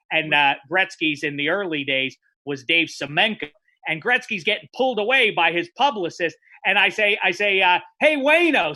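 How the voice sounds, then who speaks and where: A man co-hosting a podcast, telling an animated story and acting out the quotes. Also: dry recording. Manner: acts out quotes with big pitch jumps. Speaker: podcast co-host.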